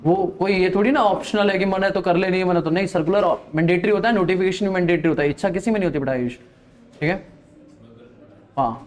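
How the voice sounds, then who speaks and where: A man's voice: high voice, quick pace. A man teaching a classroom of students, quizzing them and checking "okay?" after each point. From Delhi, India. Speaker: accounting teacher. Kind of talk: classroom lecture.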